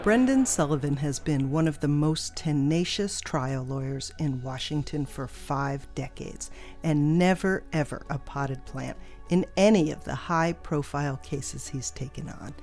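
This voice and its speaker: Woman narrating a podcast over soft music. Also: low-pitched, unhurried. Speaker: podcast host. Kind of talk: scripted narration.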